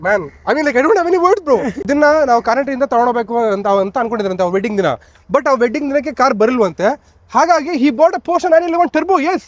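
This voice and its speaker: An Indian man with a Kannada accent, hosting a casual car vlog in excitable, slangy exclamations and switching between languages. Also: very high-pitched, rapid-fire, no room sound. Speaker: vlog host.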